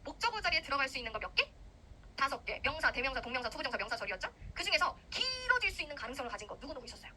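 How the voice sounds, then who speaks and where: A woman's voice: high voice, very fast, a little hiss or hum, poor audio. A young woman teaching English grammar to civil service exam students in a recorded lecture, acting out the sentence parts as if they were quarrelling. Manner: lively, animated, acts out grammar parts in quarrelling voices.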